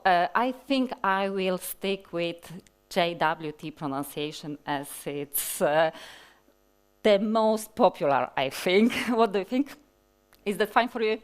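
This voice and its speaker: This woman's mid-range voice is clear and resonant as she presents a technical conference talk from a big hall's stage. She's in her forties, has a Polish accent, and speaks slowly and deliberately, with plenty of fillers and restarts.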